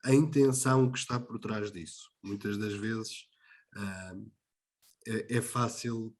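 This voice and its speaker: A man's voice: fairly low pitch, steady tone, slow. Hesitant male host, European Portuguese accent. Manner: hesitant, searches for words. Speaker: session host. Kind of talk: moderating a talk session.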